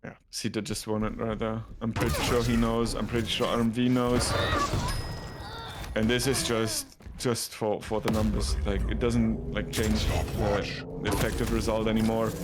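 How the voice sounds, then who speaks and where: A man's voice: on the low side, level tone, moderate pace, heavy background noise. A man casting an esports match live, chatty and joking, often restarting his sentences. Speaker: esports caster. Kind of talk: casual live esports commentary.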